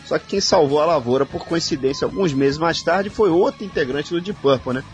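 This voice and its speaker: A man with a Brazilian accent co-hosting a radio show, telling band history in a relaxed way and often adding "né?". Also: fairly high pitch, a little fast, lo-fi sound, faint music behind. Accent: Brazilian Portuguese. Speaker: radio co-host. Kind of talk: casual radio chat about rock history.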